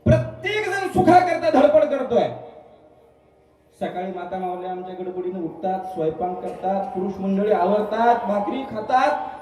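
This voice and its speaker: A man's voice: high-pitched, lively intonation, normal speed, darkish tone. A man preaching a devotional kirtan sermon in a festival pandal, firing questions at the crowd and repeating phrases in a call-and-response cadence. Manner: fires questions at the crowd, urging answers. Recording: echoey PA from far off, with music.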